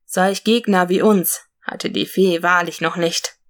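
A woman's voice: fairly low pitch, fairly even intonation, unhurried, close to an everyday voice. Brave male forest warrior, earnest and solemn, storybook hero, read by a woman.

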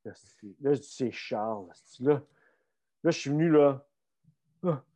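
A man with a Québécois French accent telling a story casually as a guest, animated and full of filler words. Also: on the high side, measured pace, dry recording. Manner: animated, fills talk with "là" and mild swearing.

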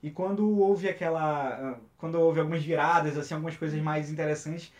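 A man with a Brazilian Portuguese accent chatting on a film podcast, speaking haltingly and searching for his words. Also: a little high, level tone. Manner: halting, many fillers and restarts. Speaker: podcast co-host. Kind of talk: casual podcast chat.

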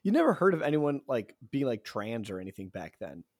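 A young man co-hosting a casual podcast, talking fast and excitedly and saying dude a lot. His voice sits in an ordinary middle range. The sound is close and dry. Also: mid-range voice, dry recording. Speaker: podcast co-host. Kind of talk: casual chat.

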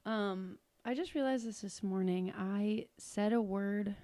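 Laid-back, slow-talking woman podcast host. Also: mid-range voice, mellow, dry recording. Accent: Northern Ohio. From Cleveland area, Ohio. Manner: laid-back, giggly, swears casually. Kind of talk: casual chat.

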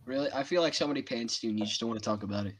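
A teenage boy in a casual online chat with friends, deadpan and easily giggling. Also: mid-range voice, racing, slight background noise.

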